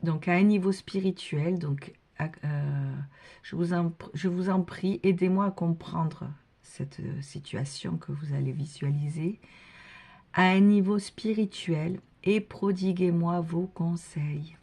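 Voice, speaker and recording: A woman with a husky, fairly low voice gives a spiritual card reading at an unhurried, gentle pace. She murmurs asides to herself in a whisper. She repeats thanks and prayers softly, as if guiding listeners to say them with her.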